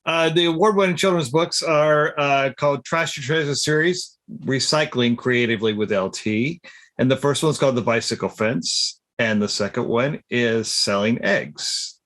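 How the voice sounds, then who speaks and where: A middle-aged man from southeastern Ohio, a children's book author answering interview questions over a video call, pausing often with fillers. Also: medium pitch, a bit bright. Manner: hesitant, with frequent fillers. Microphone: video call webcam.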